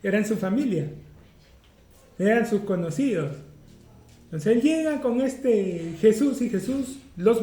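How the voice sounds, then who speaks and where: A man's voice: extremely high pitch, mellow, echoey room. A man preaching a sermon as pastor, teaching through rhetorical questions. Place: church.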